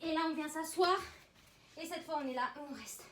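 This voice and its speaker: A woman's voice: sits high, brisk, fairly bright tone. A woman working as a fitness instructor, coaching a circuit workout live with countdowns and short, encouraging commands. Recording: roomy echo, distant mic, background noise.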